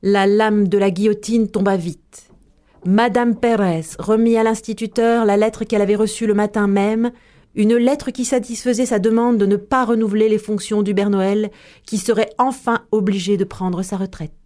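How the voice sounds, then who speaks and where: A woman storyteller narrating a tale in a measured, expressive way. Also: mid-range voice.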